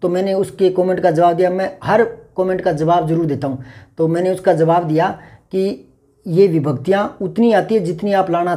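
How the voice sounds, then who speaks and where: A man teaching a grammar lesson in a chatty way, explaining slowly and going over each example again and again. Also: high-pitched, warm tone.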